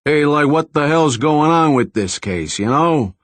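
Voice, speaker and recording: A man's voice: on the high side, expressive, unhurried, no room sound, voice pushed up. A man voicing a woman detective who mocks a colleague in a brash, slangy New York City accent. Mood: mocking.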